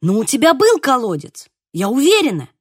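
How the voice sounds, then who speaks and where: A stubborn older woman presses her point with emphatic insistence in an audiobook, as a woman reader puts her on. The voice sits high and swings widely, recorded dry and close. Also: wildly swooping pitch, moderate pace, slightly rough, dry recording, full character voice. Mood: insistent. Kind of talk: audiobook reading.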